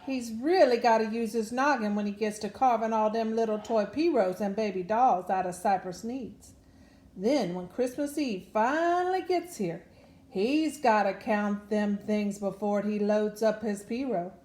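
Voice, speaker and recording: A woman with a medium-pitched, somewhat dark voice reads a children's story aloud, performing it as animated Cajun folk storytelling. Her delivery is folksy and dramatic, and a roomy echo surrounds her voice.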